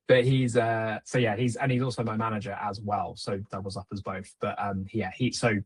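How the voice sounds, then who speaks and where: A young man talks as a music producer guest in a relaxed, meandering way, full of fillers. His voice sits a little low and has a husky edge. The speech stays loose and conversational. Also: normal speed. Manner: rambling, easygoing, many fillers. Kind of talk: casual chat.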